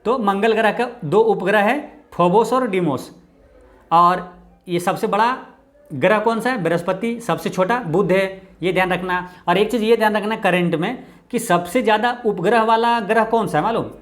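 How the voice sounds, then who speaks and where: Bihari man explaining exam answers. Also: moderate pace. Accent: Bihari Hindi. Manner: repeats "ye dhyan rakhna hai" with a low, quiet drop. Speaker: exam-prep teacher.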